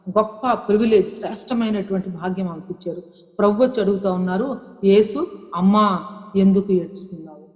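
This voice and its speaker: A woman's voice: medium pitch, darkish tone. A woman preaching a sermon in an earnest way, repeating key phrases and slipping English words into her talk. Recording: echoey hall with long reverb.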